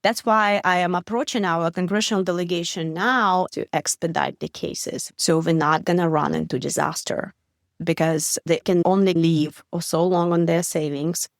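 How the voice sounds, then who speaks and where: Speaking as an interview guest, a refugee aid director from Ukraine, a middle-aged woman whose first language is Russian, replies earnestly with a Ukrainian accent, minor stumbles and non-native grammar. She talks at normal speed in a fairly low voice, captured as clean studio audio without room sound.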